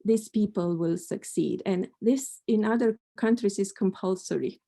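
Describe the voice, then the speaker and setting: At normal speed, a middle-aged mathematics professor from Romania answers panel questions in a medium-pitched, gravelly, warm voice. She comes across as considered and unsure, repeatedly starting over.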